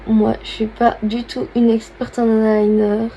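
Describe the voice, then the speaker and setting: A woman's voice: on the high side, level tone, unhurried, dark tone, dull audio, slight background noise. A young woman, chatting casually through a makeup tutorial and thinking aloud as she works. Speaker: beauty vlogger.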